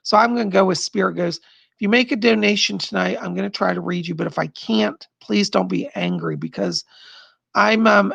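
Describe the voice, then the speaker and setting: The speaker is a middle-aged psychic host reading viewer comments in a relaxed live-stream chat from home, rambling and laughing frequently. His high-pitched voice is husky and a bit bright, with vocal fry, and sounds strained and tired as he loses it. The recording is muffled, with no room sound.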